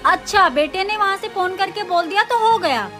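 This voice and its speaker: A woman's voice: extremely high pitch, lively intonation, normal speed. A woman playing a mother-in-law who is fond of her daughter-in-law but keeps charge of the house. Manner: fond and gently bossy. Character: affectionate older mother-in-law. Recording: faint music behind.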